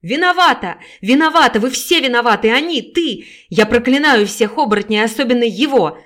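A cruel, bitter mother, played by a woman reader, spits every word with loud scorn. Her voice stays harsh and hateful in this storybook scene. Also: medium pitch, lively intonation, a little fast, lightly acted. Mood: furious.

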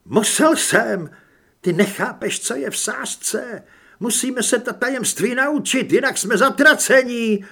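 A man's voice: on the high side, animated, fairly bright tone, slightly rough. A man voicing a chubby, fanatical male occultist who whines when scared and turns commanding. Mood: whimpering. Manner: whining and pleading when scared.

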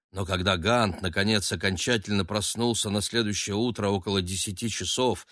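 A man narrating a novel in an expressive storytelling manner. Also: on the low side, no echo, studio quality. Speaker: audiobook narrator. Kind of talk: scripted narration.

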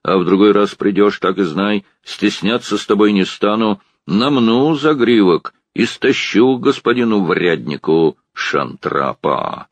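A man's voice: on the low side, lively intonation, unhurried, few pauses, dry recording. A man reading an audiobook, voicing a surly yard keeper who threatens in a coarse voice. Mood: threatening.

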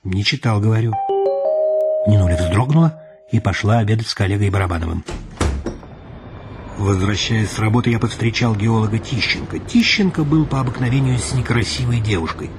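A man's voice: fairly low pitch, brisk. A man reading a story aloud in a dry, ironic storyteller's manner. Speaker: narrator. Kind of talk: audiobook reading. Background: music.

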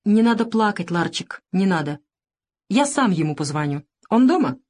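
A woman's voice: mid-range voice, big pitch swings, normal speed, darkish tone. A woman reading the lines of a curt, angry young man, a former soldier, in an audiobook. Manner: curt, gruff.

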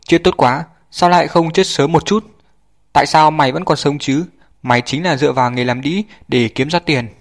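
A man voicing a teenage boy who yells hotly at his enemies. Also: on the high side, moderate pace, pitched above the performer's own voice, lightly acted. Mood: yelling angrily. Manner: yelling hotly. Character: teenage boy, frightened then enraged.

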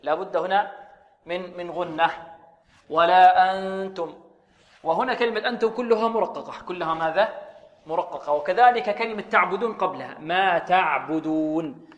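A man teaching tajweed in a Quran recitation lesson. He poses questions and answers them himself, and he chants his examples slowly and drawn out. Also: sits high, a bit bright, big-room sound.

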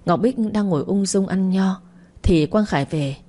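Husky-voiced woman storyteller. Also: mid-range voice, moderate pace. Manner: steady, dramatic reading. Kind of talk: scripted story narration.

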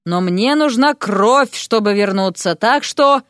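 A woman voicing a rumbling impatient male demon. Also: expressive, fairly bright tone, clean tone, no echo, studio quality. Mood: menacing. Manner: slow, rumbling threats.

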